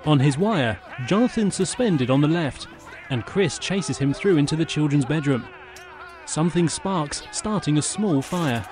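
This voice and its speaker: A man's voice: fairly high pitch, lively intonation, a little slow, darkish tone, faint music behind. A man giving scripted, matter-of-fact audio description of action in the present tense.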